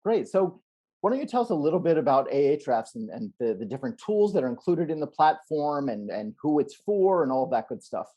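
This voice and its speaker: A man's voice: a little high, big pitch swings, fairly quick, warm tone. A middle-aged man hosting a video interview, upbeat and enthusiastic, with some hesitant restarts, talking over wired earphones from a home office. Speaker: podcast host. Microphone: wired earphones on video call.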